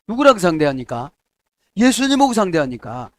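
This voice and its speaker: A middle-aged man preaching a sermon as a pastor, checking in with his listeners and acting out quoted prayers in a softer, lower voice. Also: very animated, moderate pace. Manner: asks the congregation "에?" to check agreement.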